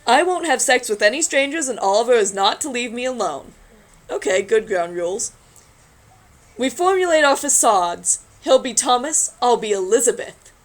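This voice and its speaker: A woman's voice: a little high, animated, moderate pace, rough recording. A woman reading a magazine story aloud in a casual group chat, adding wry, sarcastic asides.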